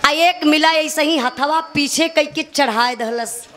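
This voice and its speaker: A woman's voice: high-pitched, slow pace, fairly bright tone. A woman narrating a dramatic folk ballad, calling out to her listeners as brother. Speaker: folk storyteller singer.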